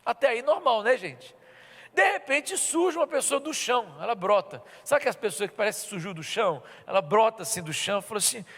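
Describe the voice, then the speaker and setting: A man's voice: high-pitched, animated, a little fast, fairly bright tone. A man with a Brazilian Portuguese accent from Minas Gerais, preaching a sermon and telling a personal story, acting out the people in it. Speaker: pastor. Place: church. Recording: reverberant church hall.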